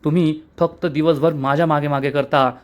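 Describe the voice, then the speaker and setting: A man's voice: on the high side, steady tone, brisk, lightly acted. Figure: a man voicing an exasperated young wife. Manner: scolding. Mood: angry. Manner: scolding, indignant. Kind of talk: serial episode recap.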